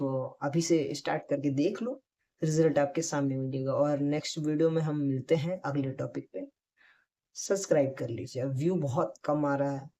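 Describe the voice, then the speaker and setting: Mellow-voiced man giving acting tips. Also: on the high side. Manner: direct and encouraging, speaks straight to viewers. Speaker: acting teacher. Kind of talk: casual spoken tutorial.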